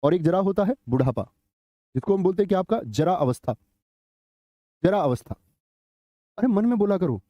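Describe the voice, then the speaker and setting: A man's voice: high voice, mellow, dry recording, clean studio sound. A man teaching a live online exam-prep class, chatty, quizzing students and reading their chat comments aloud. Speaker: Hindi teacher.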